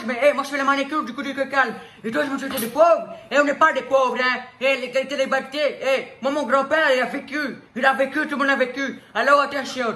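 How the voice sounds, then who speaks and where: A man's voice: extremely high pitch, bright, forceful tone, pitched above the performer's own voice. A man voicing a brash, touchy working-class woman, a manicurist, who talks combatively, boasts and makes threats in a comedic sketch monologue.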